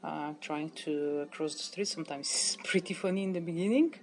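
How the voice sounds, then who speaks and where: A woman from Bulgaria, speaking English in a lively way with simple phrasing. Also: sits low, normal speed, slight background noise. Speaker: expat interviewee. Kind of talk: casual talk to camera.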